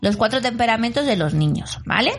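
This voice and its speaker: A woman's voice: on the high side, brisk. A woman in her thirties with a Spanish accent from Spain, co-hosting a casual podcast chat and acting out children's whines and noises as she explains. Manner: animated, acts out children's whines and sound effects. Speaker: podcast co-host and teacher.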